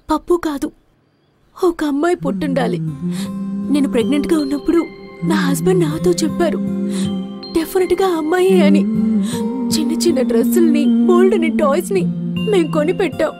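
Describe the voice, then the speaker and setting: A woman's voice: high-pitched, brisk, long pauses, loud music behind the voice, natural voice. A woman playing an earnest, emotional young mother and wife in a dubbed film, with a film score playing behind her. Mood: tearful. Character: devoted young mother haunted by loss.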